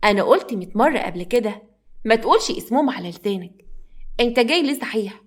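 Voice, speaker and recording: A scornful, haughty stepmother in an Egyptian storybook tale, put on by a woman narrator, her voice pitched a little high. She talks down to everyone with quick, sneering contempt. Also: expressive. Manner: sneering, condescending.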